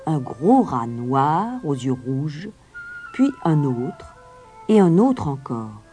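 A woman's voice: sits low, dark tone, slightly rough. A woman narrating a fairy tale expressively, dropping to a whisper at tense moments. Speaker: storyteller. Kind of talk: storybook narration.

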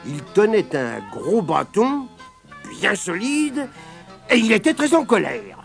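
A man reading a children's storybook aloud in a high, very lively voice. He takes his time, slow and deliberate, and soft music plays underneath. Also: gravelly. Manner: expressive, animated reading.

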